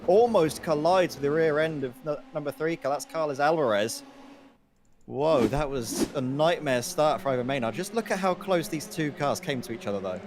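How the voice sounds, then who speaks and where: Male motorsport commentator over clear engine noise. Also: on the high side, normal speed. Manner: motorsport commentator delivery, conversational and explanatory. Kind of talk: live sim racing analysis commentary. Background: race car engines.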